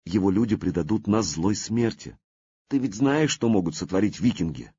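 A male audiobook reader voicing a frightened, anxious young princess in a raised, softened voice. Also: lowish voice, animated, moderate pace, slightly rough, no echo, muffled recording.

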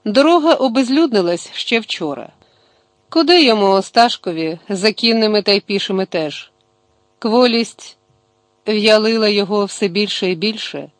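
A man reading a novel aloud as an audiobook in measured, expressive narration. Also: high voice, no room sound. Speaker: audiobook reader. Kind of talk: scripted narration.

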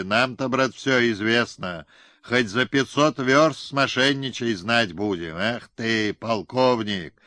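A man's voice: mid-range voice, pushed and bright, dry recording, studio quality. A man voicing a stern, lame Cossack ataman who scolds bluntly, in an audiobook. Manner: scornful, blunt. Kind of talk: audiobook character reading.

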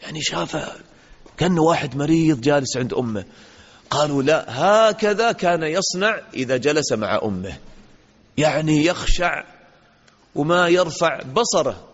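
Speaking at a moderate pace with lively intonation and a voice on the high side, the sheikh teaches children about religion interactively. Questions, praise for answers, and acted-out mini dialogues fill the lesson, heard through a dull lo-fi recording in a reverberant hall.

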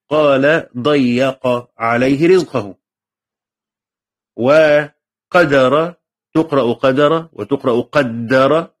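A man with an Egyptian Arabic accent teaching a text commentary in class. He reads formal passages, explains them in colloquial speech, repeats key phrases and keeps checking that his students follow. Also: a little high. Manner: shifts between formal reading and colloquial explanation.

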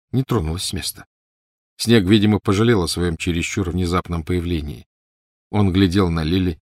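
A man reading a novel aloud in a calm, measured narration. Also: deep voice, no room sound, studio quality. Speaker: audiobook narrator. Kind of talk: scripted narration.

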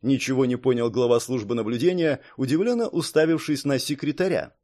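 Male audiobook narrator, even measured reading, mid pitch. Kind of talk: scripted narration.

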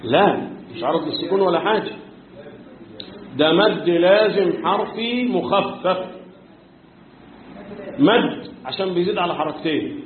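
A man with an Egyptian accent teaching a tajweed lesson, quizzing his students and answering his own questions, chanting verses now and then and often clearing his throat. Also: sits high, lively intonation, unhurried, pauses often. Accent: Egyptian Arabic. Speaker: Quran recitation teacher. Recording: echoey room, tinny phone-like sound.

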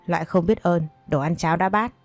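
A woman's voice: on the low side, fairly quick, no room sound, soft background music, lightly acted. A woman reading the part of a bitter, scolding older mother-in-law who wails accusations. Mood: scornful. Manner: accusing, wailing complaints.

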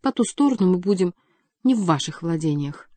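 A woman reading an audiobook voices a calm, ironic young male courtier who teases his opponent. Dry, close recording. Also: on the low side, fairly quick, dry recording. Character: mocking, cool-headed young male courtier.

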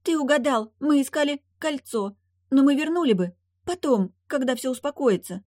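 A reader voicing a stubborn young lake maiden in an audiobook, shouting defiantly. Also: high-pitched, lively intonation, normal speed, no room sound, studio quality, voice pushed up.

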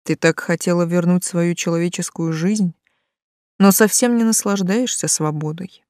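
A woman voicing a calm, stern male angel of death who speaks slowly and levelly, with a mocking edge. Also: fairly low pitch, dry recording, clean studio sound, close to an everyday voice.

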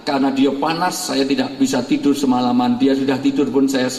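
A middle-aged man giving a lively sermon, telling stories and jumping to high exclamations and jokes. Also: a little fast. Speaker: preacher. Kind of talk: lively sermon to a women's religious gathering. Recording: echoey hall with faint noise.

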